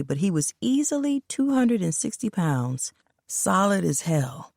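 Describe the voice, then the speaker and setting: A woman reading a story aloud as audiobook narrator, in a steady, matter-of-fact way. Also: lowish voice, vocal fry, no echo, clean studio sound.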